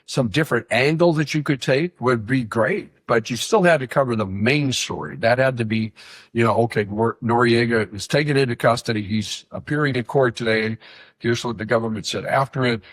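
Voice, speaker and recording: A man's voice: medium pitch, normal speed, no room sound. A middle-aged man, a podcast co-host and former TV reporter, reminiscing in a rambling way with restarts. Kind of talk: casual chat.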